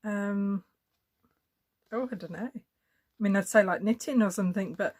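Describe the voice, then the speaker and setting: Stitching as she talks, this cross-stitch vlogger meanders through her thoughts out loud, with lots of fillers and false starts. Her mid-range voice has a darkish tone and a normal pace.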